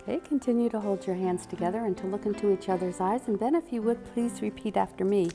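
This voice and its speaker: A woman's voice: mid-range voice, fast talker. A woman wedding officiant giving a scripted ceremony address. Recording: echoey hall, music behind.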